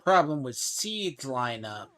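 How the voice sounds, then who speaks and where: A man's voice: medium pitch, big pitch swings, takes it slowly, fairly bright tone. A man giving casual game commentary, rambling and thinking aloud as he speculates. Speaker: gaming streamer. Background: game music.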